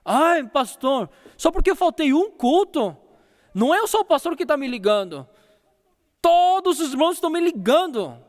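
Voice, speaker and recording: A man's voice: very high voice, smooth. A man voicing a young male churchgoer who keeps apologizing and making excuses to his pastor, quoted in a sermon in a reverberant church hall. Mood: exasperated. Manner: hurried excuses, exasperated outbursts.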